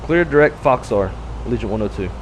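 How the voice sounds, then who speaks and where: A man flying a flight simulator as pilot, reading checklists and making cockpit callouts and radio calls over a headset in a brisk, clipped way. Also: mid-range voice, lively intonation, a little hiss or hum, rough recording.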